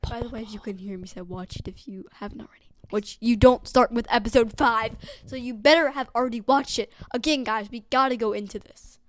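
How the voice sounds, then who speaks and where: A woman's voice: fairly high pitch, a little fast, a bit bright. A young woman guest on a podcast, eagerly adding playful twists to an improvised silly story. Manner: eager, playful, jumps in with new plot twists.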